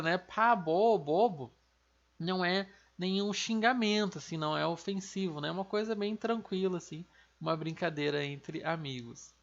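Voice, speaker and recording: A language teacher with a Brazilian Portuguese accent, giving an online lesson, patiently repeating each word slowly and often checking in with tag questions. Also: mid-range voice, fairly bright tone, muffled recording.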